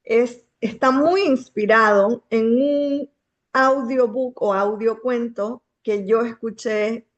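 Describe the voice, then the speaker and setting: A woman with a Bolivian Spanish accent talks as a guest author. She is reflective and often pauses to search for the right word. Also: a little high, steady tone, muffled recording. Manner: reflective, searching for words, many filler pauses. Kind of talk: thoughtful conversation.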